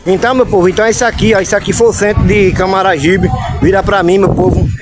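A fairly high-pitched man with a northeastern Brazilian Pernambuco accent, talking casually to his viewers as he walks outdoors through town. He keeps turning to the audience with familiar calls as he goes. Music plays clearly behind him, and street traffic adds noise. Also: steady tone, quick pace. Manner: chatty, keeps calling viewers "my people" and "gang". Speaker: vlogger and channel host. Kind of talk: casual vlog chat to viewers.

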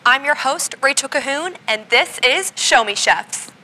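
A woman's voice: high voice, lively intonation, unhurried. A young woman presenting a cooking competition as host, in a scripted show style. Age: young adult. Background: background music.

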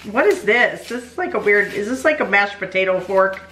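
Woman, middle-aged, food-review host, giggly, sharp bright tone, faint room noise. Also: mid-range voice, animated, fairly quick, roomy sound. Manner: giggly, chatty, teasing. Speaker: channel host. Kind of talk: casual food-review mukbang chat. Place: home studio room.

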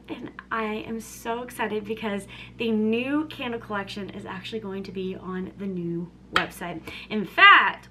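A bright, forceful mid-range voice marks this cheerful kitchen vlog, recorded close at arm's length with a little hiss or hum. The young woman talks casually, her sentences dotted with "um" and "like."

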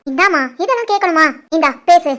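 A woman voicing a protective, fierce middle-aged mother in an animated family drama, with a stern, scolding manner and a Tirunelveli Tamil accent. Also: extremely high pitch, a little fast.

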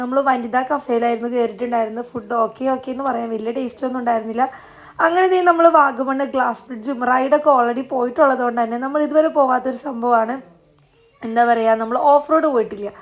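High-voiced, fast-talking woman narrating. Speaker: travel vlogger. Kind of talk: casual travel vlog voice-over narration.

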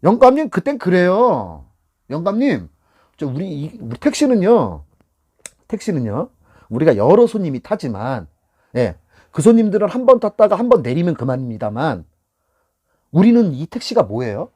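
A middle-aged man, a taxi driver, hosts a casual advice talk and slips into voices of angry and soothing passengers as he speaks. His voice is husky, slightly high and swings widely in pitch. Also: very animated, normal speed, warm tone. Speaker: taxi driver and channel host.

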